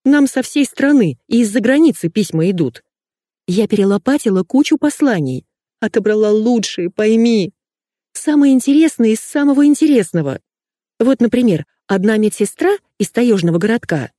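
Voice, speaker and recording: A woman's voice: sing-song, moderate pace, mellow, no echo, studio quality. A woman reading an audiobook and voicing a hysterical young woman friend who wails and complains indignantly. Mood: indignant wailing. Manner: wailing, shrill and indignant.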